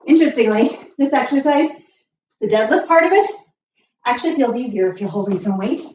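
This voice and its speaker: A woman's voice: on the high side, animated, brisk, darkish tone, a little hiss or hum. A woman fitness coach leading a live home workout, out of breath as she exercises along and counts reps aloud. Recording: echoey room, mic at a distance.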